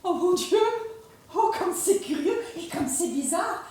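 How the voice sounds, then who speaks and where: A woman's voice: very high-pitched, expressive, unhurried, darkish tone, recorded from a distance, a little hiss or hum. An actress playing a polite lady who exclaims in affected amazement in a stage play. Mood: amazed, polite. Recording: echoey room, miked from afar.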